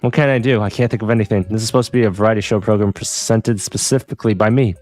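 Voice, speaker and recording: A man's voice: fairly low pitch, steady tone, rapid-fire, a little mellow, soft background music, close to an everyday voice. A man voicing a mischievous young male schemer in a game, teasing and breezy in manner. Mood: scheming.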